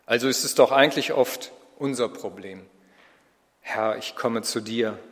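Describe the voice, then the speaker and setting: A man's voice: mid-range voice, measured pace, in a large hall. A man preaching a reflective sermon in a personal tone, with rhetorical questions.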